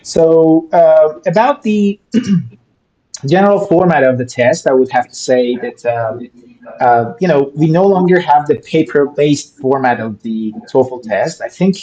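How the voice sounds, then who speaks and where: A young man talks through an exam on a webinar call. His voice sits a little high. He fills his sentences with "you know" and hesitations, and he laughs easily as he explains. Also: measured pace, warm tone, dull audio. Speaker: exam-prep instructor.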